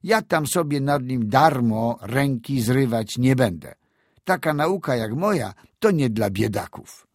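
A man's voice: mid-range voice, expressive, measured pace, no room sound, studio quality, pitched above the performer's own voice. Man voicing a curt greedy schoolteacher. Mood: stern. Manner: lecturing, curt. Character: stern, mercenary village schoolteacher, man.

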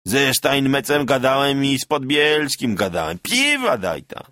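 A man's voice: mid-range voice, sing-song, measured pace, sharp tone, no echo, studio quality, pitched above the performer's own voice. A man voicing a drunk, boastful old peasant soldier who talks in rustic dialect with a swagger. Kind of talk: audiobook character voice.

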